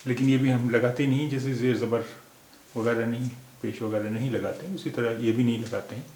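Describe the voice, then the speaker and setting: A man's voice: mid-range voice, steady tone, fairly quick, dark tone. A man teaching letters and words step by step, patiently explaining and saying each word three times over. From India. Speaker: language teacher. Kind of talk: slow word-by-word script lesson. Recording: echoey room with faint background noise.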